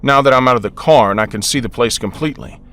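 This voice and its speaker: Brief: young man, mid-pitched voice, wry and exasperated first-person storyteller. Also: quick pace, a bit bright, soft background music. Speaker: narrator.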